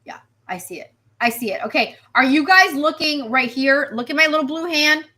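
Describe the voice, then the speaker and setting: Speaking at normal speed in a high-pitched voice, a woman meteorologist runs a live weather stream. She's lively and talkative, going over points repeatedly and responding to comments from viewers.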